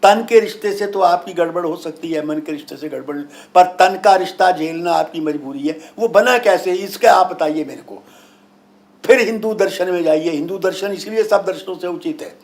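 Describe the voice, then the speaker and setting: A man's voice: high-pitched, moderate pace, creaky. A man speaking as a guru and astrologer, giving an emphatic, didactic discourse with anecdotes, repetition and rhetorical questions. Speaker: guru and astrologer being interviewed. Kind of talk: spiritual discourse with anecdotes and explanations.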